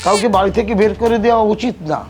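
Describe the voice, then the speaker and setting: A man with a Bangladeshi accent playing a bewildered, mild-mannered middle-aged father in a film melodrama, reasoning gently. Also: high-pitched, fairly even intonation, racing, natural voice. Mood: mild, cautioning. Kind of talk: melodramatic short film acting.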